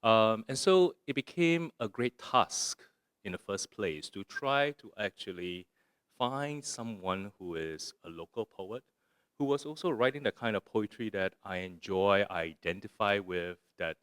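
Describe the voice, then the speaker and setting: A man's voice: lowish voice, animated, unhurried, a bit bright, clear, resonant tone, no echo, clean studio sound. A man from Singapore, giving a musing, conversational talk on poetry that includes a reading, and often asking his audience a rhetorical "right?". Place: arts center lecture room.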